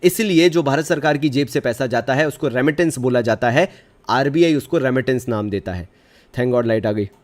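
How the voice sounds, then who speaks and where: A young man teaching a live online commerce class, switching easily between Hindi and English. He speaks in a friendly, reassuring way, answering his students' chat questions and calling them brother. His voice sits at an ordinary middle pitch. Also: normal speed, a little mellow. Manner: mixes Hindi with English phrases.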